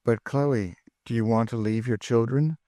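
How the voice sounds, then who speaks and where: A man voicing a kind, composed mistress of a household, speaking in a measured, proper way in a storybook reading. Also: mid-range voice, dark tone, no echo, studio quality, lightly acted. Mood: gentle.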